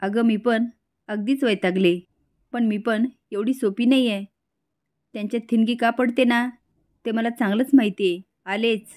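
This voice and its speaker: A woman reading the lines of a scheming, sharp-tongued woman of the household, brisk and businesslike. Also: on the high side, fairly even intonation, dry recording, clean studio sound, lightly acted.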